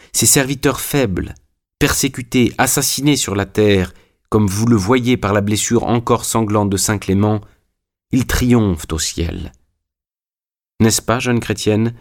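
A man voicing a solemn elderly bishop who slowly and gravely exhorts young girls in an audiobook reading. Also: lowish voice, natural voice.

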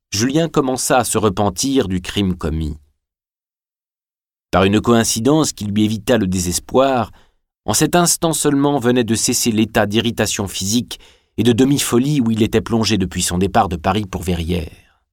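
A man narrating an audiobook in a measured, even reading voice. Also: lowish voice, no room sound, studio quality. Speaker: audiobook reader. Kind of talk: scripted narration.

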